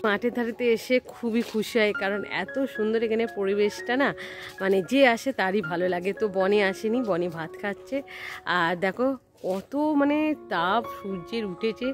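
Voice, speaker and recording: A woman's voice: medium pitch, fairly even intonation, normal speed, faint music behind. A woman with a Bengali accent chatting casually to viewers in a daily vlog, recorded outdoors on a phone. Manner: chatty, talks to viewers and coaxes her child. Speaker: vlogger. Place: outdoors by fields, then at home.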